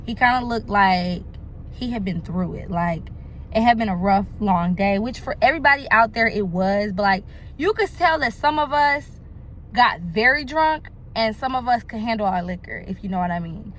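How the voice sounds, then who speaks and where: A young woman vlogger telling a storytime monologue in a chatty, animated way, talking straight to her viewers. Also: medium pitch, moderate pace, slight background noise, low-quality recording.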